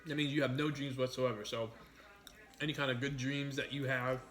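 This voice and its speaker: A man's voice: mid-range voice, little pitch movement, fairly quick, a bit bright. A man hosting a casual livestream over a meal, talking in a frank, sweary way. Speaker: livestream host.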